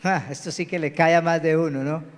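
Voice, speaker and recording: A man's voice: on the high side, fairly even intonation, a little fast. A man preaching a sermon as pastor, emphatic, repeating phrases and calling for amens. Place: church hall. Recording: long hall reverb.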